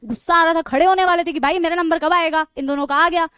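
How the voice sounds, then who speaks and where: A woman teacher with a very high voice tells her class a funny story. She is chatty and lively, checks in with the students again and again, and laughs along the way. Her voice sounds dry and close, with no room echo. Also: fast talker. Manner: animated, chatty, keeps calling the students "beta" and checking with "theek hai"; breaks into laughter while telling the story. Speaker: online teacher.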